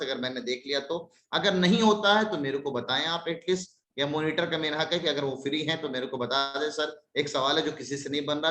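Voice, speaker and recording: Animated male teacher in echoey room. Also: a little high. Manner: lively, scolding in jest. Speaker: maths teacher. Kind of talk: live online class.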